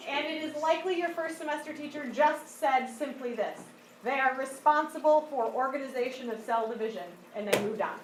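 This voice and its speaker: High-pitched woman teaching in an echoey classroom. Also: fairly quick. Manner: explanatory, checks understanding often. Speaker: high school biology teacher. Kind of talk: interactive classroom lesson. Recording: echoey classroom, distant mic, background noise.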